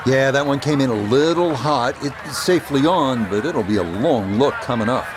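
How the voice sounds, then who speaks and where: A man acting as a golf commentator, calling play in a measured, polished broadcast delivery. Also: medium pitch, expressive, background noise, close to an everyday voice. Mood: measured, encouraging. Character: male TV golf play-by-play announcer.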